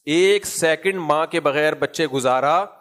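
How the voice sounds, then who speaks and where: A man's voice: a little high, a bit bright. A man with a Pakistani Urdu accent giving a Quran commentary lecture, asking rhetorical questions and answering them himself. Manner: acts out casual scolding in asides. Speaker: preacher.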